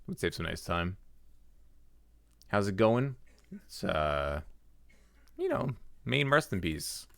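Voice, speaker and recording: A male livestreamer talking straight into a headset mic, with a dry and close sound and no room around him. His pitch swoops up and down as he reacts to the game and answers his chat. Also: very animated, slow pace, gravelly, a bit bright, dry recording. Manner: chatty, reacts aloud while playing, talks to chat. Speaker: livestreamer and card game player. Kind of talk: live gameplay commentary.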